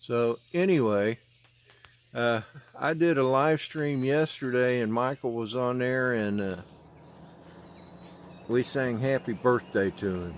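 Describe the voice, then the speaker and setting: A mid-range-voiced Oklahoman holds his phone and chats on a live stream outside at sunrise, responding to viewer comments. He speaks in a slow, halting monotone, drawling and filling gaps often.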